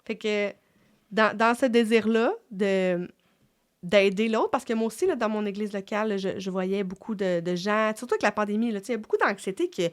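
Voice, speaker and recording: A woman's voice: medium pitch, fairly quick. A middle-aged woman with a Québécois French accent, hosting a casual faith chat in a reflective way, with many fillers and restarts. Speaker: podcast host.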